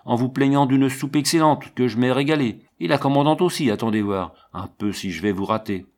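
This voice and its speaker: A man's voice: mid-range voice, brisk, a little mellow, lightly acted. A man doing a blustering army commandant. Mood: gloating threat. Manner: gloating, threatening, slangy. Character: blustering male army commandant, middle-aged, vengeful.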